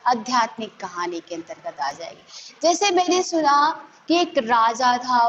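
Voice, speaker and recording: A woman's voice: fairly high pitch, fairly bright tone, slight background noise. A woman primary school teacher giving an online lesson to children, patient and coaxing, mixing English words into her talk. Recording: echoey, dull lo-fi room recording.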